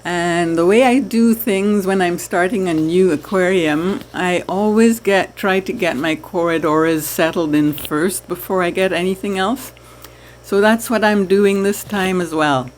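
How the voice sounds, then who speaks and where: A woman from Trinidad chatting casually to her viewers about keeping fish, with soft laughs. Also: on the low side, a little hiss or hum. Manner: slow, chatty, laughs softly. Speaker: aquarium hobby vlogger. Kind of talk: casual chat to camera.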